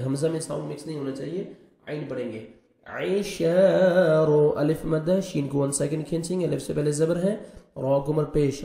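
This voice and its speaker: A man teaching Quranic recitation, patiently explaining pronunciation rules and chanting verses slowly. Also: fairly high pitch, creaky, mellow, reverberant. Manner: patient, repeats letters and rules, slow drawn-out recitation.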